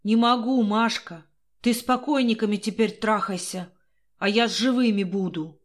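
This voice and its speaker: A woman reading the part of a frightened, cowardly young husband, speaking in a loud, agitated, pleading way. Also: medium pitch, steady tone, normal speed, natural voice. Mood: scared.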